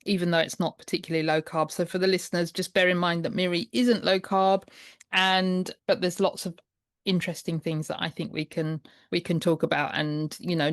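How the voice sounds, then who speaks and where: A woman's voice: lowish voice, flat delivery, a little fast, no room sound, studio quality. A woman hosting a podcast interview, introducing and questioning her guest and often rephrasing as she goes. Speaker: podcast host.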